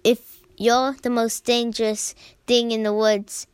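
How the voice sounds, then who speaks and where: A woman's voice: fairly high pitch, flat delivery, slow, darkish tone, clean tone, dry recording, clean studio sound. A woman voicing a wary young male house kitten who bluffs toughness in a storybook reading. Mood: defiant. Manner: defiant bluster.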